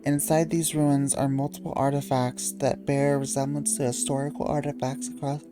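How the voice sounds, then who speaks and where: A sleepy, yawning woman hosting a channel, reading wiki entries aloud in a halting way and stumbling over words. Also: very deep voice, flat delivery, music in the background.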